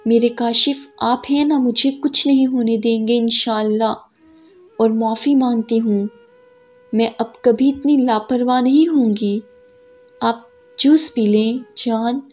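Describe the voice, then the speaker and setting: Woman reader as a patient, loving storybook wife, soft and reassuring, fairly high voice, muffled with faint music. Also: steady tone, natural voice. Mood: meek tender. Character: gentle devoted young wife, soothing and patient.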